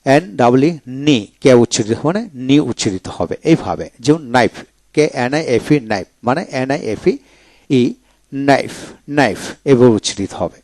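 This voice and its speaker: A man teaching English pronunciation in a video lecture, spelling each word letter by letter and then repeating it slowly. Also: mid-range voice, lively intonation, darkish tone, no echo.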